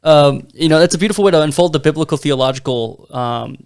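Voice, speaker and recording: A man's voice: fairly high pitch, quick pace, gravelly, a little mellow, smooth. A young man in his twenties co-hosting a casual Bible discussion podcast, telling the story eagerly with some fillers. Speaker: podcast co-host.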